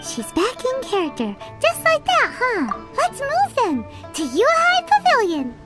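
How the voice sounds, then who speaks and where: Squeaky, childlike little sprite. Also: female voice, wildly swooping pitch, a little slow, over loud music, exaggerated voice. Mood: chirpy, teasing. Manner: exclamatory, chirpy, childlike. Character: tiny childlike companion sprite, perky, nosy, blunt. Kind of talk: video game voice acting.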